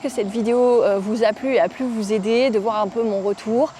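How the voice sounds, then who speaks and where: Young French woman vlogger, fairly high voice, casual and chatty, phone recording in a park with faint city noise. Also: fairly even intonation, a little fast. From France. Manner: chatty, informal, frequent fillers. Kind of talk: casual talk to camera. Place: outdoors in a park. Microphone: phone camera.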